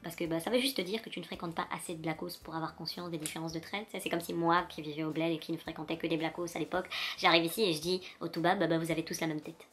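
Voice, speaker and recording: Sassy animated young woman vlogger. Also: low voice, fast, few pauses, soft background music. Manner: sassy, animated, addresses viewer directly. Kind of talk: casual direct-to-camera rant.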